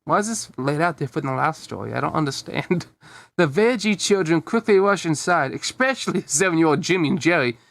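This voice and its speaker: A man's voice: a little high, expressive, brisk, gravelly, a bit bright, dry recording. A man casually reading a fan story aloud, stumbling over words and adding wry asides. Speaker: fanfic reader.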